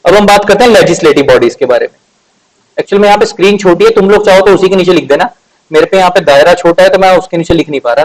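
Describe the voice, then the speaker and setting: A man's voice: sits high, rough recording. A man, teaching law in a chatty lecture and asking the class questions. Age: 20s. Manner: conversational, asks rhetorical questions, stretches key words.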